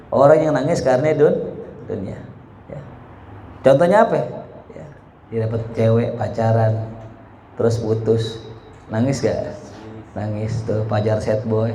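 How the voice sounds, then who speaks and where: A young man teaching a religious study lesson, lively, with a habit of saying "ya" between phrases. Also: mid-range voice, slight background noise.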